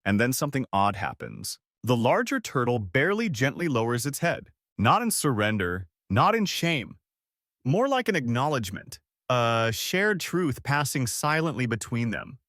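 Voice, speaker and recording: Guy narrating a nature doc, calm and wry, swoops up and down a lot, dry close mic. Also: medium pitch, moderate pace, dry recording. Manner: calm and wry, speaking to the listener as "you". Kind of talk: scripted nature documentary narration.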